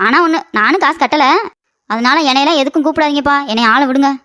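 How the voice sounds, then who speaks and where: A woman voicing a bickering older mother-in-law in a cartoon comedy, scolding with quick sarcasm. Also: sits high, sharp tone, no echo, studio quality.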